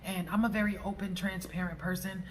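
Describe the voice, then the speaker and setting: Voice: mid-range voice, steady tone, fairly quick. Blunt, assertive vlogger with noisy background. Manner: casual speech with profanity. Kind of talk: personal vlog monologue addressed to a former friend.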